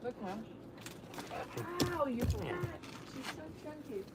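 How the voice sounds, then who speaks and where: A woman's voice: on the high side, animated, takes it slowly. A woman in casual, offhand family chat outdoors, heard faintly from away from the microphone. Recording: very noisy, faint and off-mic outdoors.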